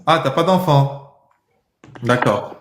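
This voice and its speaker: A man's voice: mid-range voice, slow pace, a bit bright, reverberant, slight background noise. A middle-aged French man hosting a live stream, pressing his guest with emphatic, insistent questions. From France. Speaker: TikTok live host. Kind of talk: heated live-stream debate.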